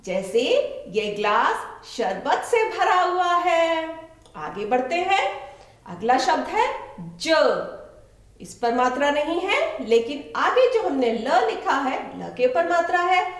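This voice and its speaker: A woman's voice: sits high, sing-song, takes it slowly. A woman teaching young children to read, sounding out words syllable by syllable in a sing-song, coaxing way. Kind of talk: children's phonics lesson. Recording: very echoey room.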